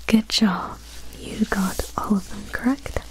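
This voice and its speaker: Slow whispered role-play, softly spoken woman. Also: medium pitch, rough recording. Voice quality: breathy unvoiced whisper. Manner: slow, gentle, soothing encouragement. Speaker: ASMR performer playing a clinic examiner.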